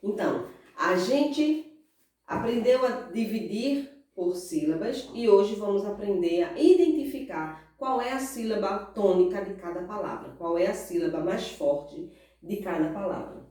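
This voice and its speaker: A Brazilian woman teacher gives a recorded lesson in a very echoey room, heard from some way off the microphone. She speaks at a slow, patient pace in a mid-range voice, drawing out key words and asking the children questions before answering them herself. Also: mid-range voice, animated, mellow. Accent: Brazilian Portuguese. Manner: slow, patient, drawn-out word stresses; asks pupils questions and answers in their voice. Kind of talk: recorded remote class lesson. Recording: roomy echo, far from mic.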